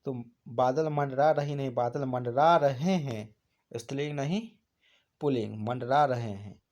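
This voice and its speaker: A man's voice: medium pitch, a little slow, a little mellow. A man teaching an exam prep lesson, asking questions and answering them himself. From India.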